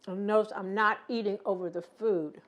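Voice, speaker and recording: A woman's voice: medium pitch, fairly even intonation, moderate pace, fairly bright tone. A middle-aged woman hosting a casual cooking demonstration, chatty and teasing with her family. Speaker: cooking show host.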